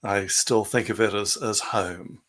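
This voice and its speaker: A man from Southeast Asia giving an earnest, measured church presentation with slides over a video call. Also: on the low side, steady tone, a bit bright. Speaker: guest speaker, scientist.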